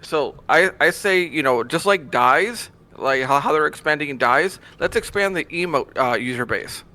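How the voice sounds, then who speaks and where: A man's voice: a little high, expressive, moderate pace, sharp tone. A man hosting a podcast, making teasing, sarcastic proposals in casual chat. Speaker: podcast host.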